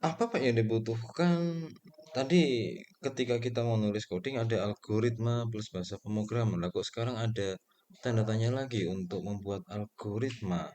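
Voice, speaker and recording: A man's voice: lowish voice, moderate pace, slight background noise. A man giving a casual programming lecture, talking loosely with fillers and self-corrections, and answering his own questions. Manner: relaxed and conversational, with frequent fillers and self-corrections; asks questions and answers them himself.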